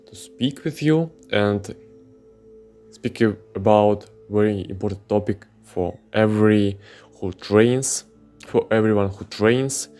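Seated indoors on pillows, a Ukrainian man who hosts a fitness channel gives a laid-back podcast monologue. Russian is his first language, so his English comes slowly and haltingly with many fillers; his voice is lowish and a little mellow.

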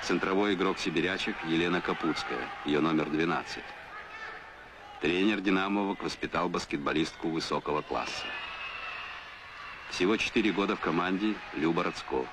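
A man with a deep, low voice reads a scripted newsreel commentary in a measured, announcing way. The sound comes from an old film soundtrack with clear hiss and noise behind him. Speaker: documentary narrator.

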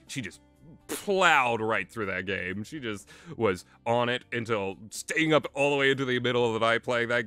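With music running underneath, a man reviews video games in a loose, rambling, opinionated way, talking conversationally and stressing his points. His lowish voice sounds pushed and bright.

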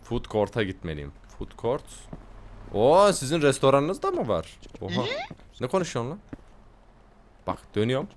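A man's voice: medium pitch, wildly swooping pitch, moderate pace, pauses often, slight background noise. A young man hosting a game video, joking, laughing often and translating lines aloud in casual commentary. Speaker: gaming video host. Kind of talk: casual let's-play commentary.

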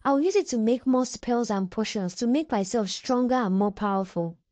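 A woman's voice: a little high, expressive, moderate pace, mellow, dry recording, close to an everyday voice. A sly cackling forest witch, voiced by a woman. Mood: greedy. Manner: cackling, mocking, drawn out. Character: sly wicked old female forest witch. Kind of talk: storybook narration. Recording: music bed behind the voice.

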